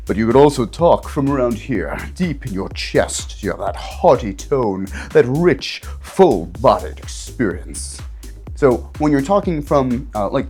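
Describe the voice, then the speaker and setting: A man, a game master, teaching tabletop players how to do voices in a casual instructional video, jumping his pitch up and down to demonstrate. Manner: animated, jumps pitch up and down to demonstrate.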